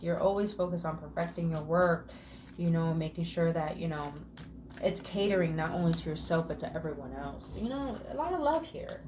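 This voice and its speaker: Against a noisy background, a woman with a lowish voice gives a casual spiritual tarot reading. She's affirming and chatty, swears casually, draws out her words, and murmurs "mm" between card meanings.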